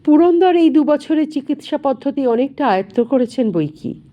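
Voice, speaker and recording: A woman narrating an audio story in an expressive, dramatic reading. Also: high voice, moderate pace.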